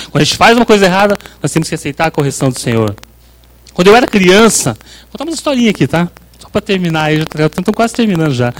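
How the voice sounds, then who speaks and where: A man's voice: high voice, poor audio. A middle-aged man from Brazil, preaching an informal sermon and telling personal stories in a chatty way with frequent asides to the congregation. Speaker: church leader preaching.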